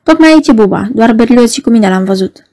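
A woman reading a storybook takes on the part of an agitated young poet, a man who bursts into excited, shouting objections. She speaks very high-pitched, and there's no echo.

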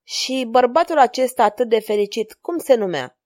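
A woman's voice: fairly high pitch, lightly acted. Woman voicing a flirtatious courtly king. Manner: courtly, flattering. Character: gallant amorous male king, courtly and flirtatious.

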